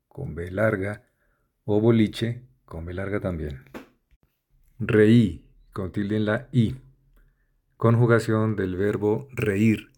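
A man's voice: lowish voice, darkish tone. A man reading dictionary entries aloud, spelling out letters and listing synonyms in a methodical way. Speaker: vocabulary reader. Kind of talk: slow, deliberate dictionary reading.

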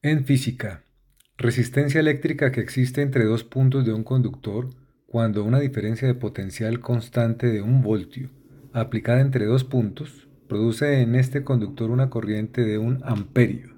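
Male reader, mid pitch, unhurried dictionary recital, warm tone. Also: husky. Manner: slow, measured, spells out letters. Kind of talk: reading dictionary entries aloud.

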